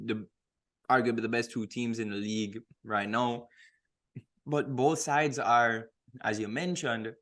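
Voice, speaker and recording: A man with a mid-range, slightly bright voice co-hosts a laid-back football podcast. He talks in slang with lots of emphasis and repeats words to drive his points home.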